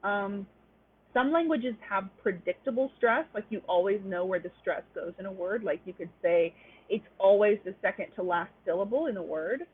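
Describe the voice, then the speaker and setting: A woman's voice: medium pitch, moderate pace, husky. A young woman teaching a webinar class, explaining step by step with frequent "um" fillers. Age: young adult. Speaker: webinar instructor. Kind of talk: online lecture. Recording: tinny lo-fi webinar audio.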